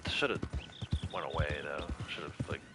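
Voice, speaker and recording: A man's voice: rumbling low, unhurried, loud music behind the voice. A man streaming a game, chatting casually and opinionated, rambling with lots of fillers. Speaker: gaming streamer. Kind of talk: casual livestream chat while playing.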